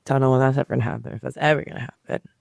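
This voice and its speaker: Low-voiced young woman teasing her co-host. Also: steady tone, rapid-fire, vocal fry, a little mellow, no echo, clean studio sound. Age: young adult. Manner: playful, teasing, jumps in with reactions. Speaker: podcast co-host. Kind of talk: casual chat.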